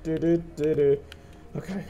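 Gaming commentator, male, mellow tone, unhurried delivery, exasperated and profane. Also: a little high, flat delivery, a little hiss or hum. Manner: frustrated, swearing, talking to himself. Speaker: gameplay commentator. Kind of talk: let's play commentary.

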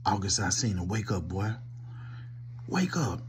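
A middle-aged comedy vlogger with a cold and stuffy nose makes a teasing, one-sided pretend call into his phone, held close, from a small room. He coughs and keeps a loose manner toward an unseen listener. His low voice has lively intonation and a slightly slow pace, with slight background noise.

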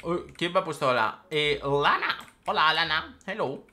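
A young woman with a Spain Spanish accent giving excitable gameplay commentary, jumping from loud shrieks to muttered asides. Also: low voice, normal speed. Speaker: gaming YouTuber.

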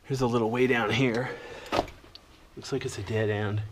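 A man quietly narrating as he explores a lava tube cave with a handheld camera, a little out of breath and muttering asides. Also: mid-range voice, steady tone, moderate pace, noisy background. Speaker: cave explorer filming himself.

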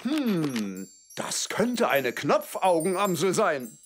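Husky, pondering cartoon king. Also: medium pitch, very animated, slow, soft background music, exaggerated voice. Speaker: cartoon voice actor. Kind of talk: animated children's cartoon dialogue.

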